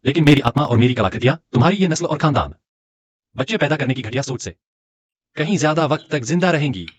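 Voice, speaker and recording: A man's voice: on the high side, animated, fast talker, slightly rough, dry recording. A man playing a sensitive young writer. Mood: defiant. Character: poor young male writer, sensitive, scheming. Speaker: young male lead. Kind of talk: Hindi dubbed short drama.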